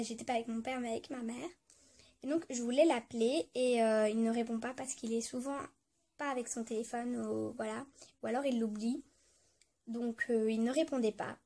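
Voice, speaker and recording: A woman's voice: fairly high pitch, a little mellow, slight background noise. A woman vlogger telling a story in a casual vlog, chatty and enthusiastic, with many fillers and restarts.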